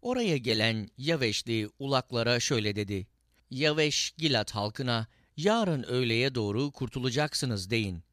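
A man's voice: mid-range voice, animated, a little slow, fairly bright tone, no room sound, clean studio sound. A man reading a Bible passage aloud as scripted narration, lifting his voice for the quoted speech. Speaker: Bible reader.

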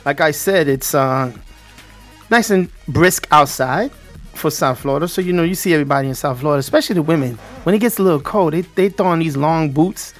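A man's voice: on the high side, a little fast, faint music behind. Brooklyn-accented man hosting a talk show. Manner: colloquial, repeats phrases for emphasis. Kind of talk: lively community talk show interview.

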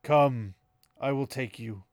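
A man putting on a booming ancient Green Man. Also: dry recording, studio quality, natural voice. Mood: grave. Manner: slow, solemn, grave. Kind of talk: reading a novel aloud.

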